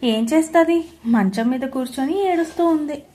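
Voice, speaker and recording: Woman playing a scheming young sister-in-law, taunting, gleeful, higher voice, audio story. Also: normal speed, dark tone, a little hiss or hum, lightly acted. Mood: spiteful. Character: spiteful young sister-in-law who stirs trouble.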